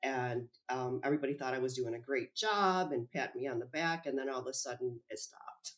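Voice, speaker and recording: A woman telling her story as an interview guest, animated, acting out dialogue and laughing often. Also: very deep voice, brisk. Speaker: whistleblower guest.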